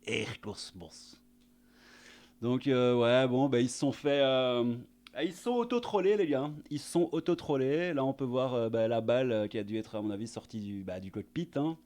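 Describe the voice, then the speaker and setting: A man's voice: medium pitch, a little fast, darkish tone. A man giving sarcastic, crude comedic news commentary as a YouTube host, full of fillers and asides.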